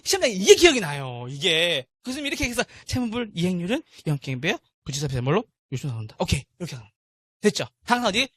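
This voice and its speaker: Middle-aged male lecturer, lively swinging pitch, bright forceful tone, quizzes the class over and over. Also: no echo, clean studio sound. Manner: animated, drills students with repeated call-and-response questions. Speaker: real estate exam lecturer.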